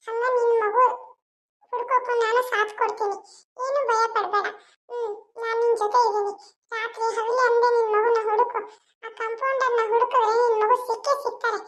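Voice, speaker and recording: Cartoon ghost seeking peace, very high and monotone, eerie. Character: restless ghost seeking peace, gentle and helpful. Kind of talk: cartoon voice acting.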